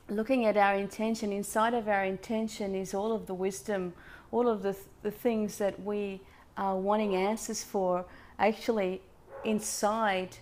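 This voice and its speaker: A woman with a medium-pitched voice gives an oracle card reading in the manner of a fortune teller. She speaks to live viewers in a reflective, spiritual way, wandering between the wording of the cards and her own thoughts. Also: darkish tone, a little hiss or hum. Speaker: oracle card reader hosting a live session.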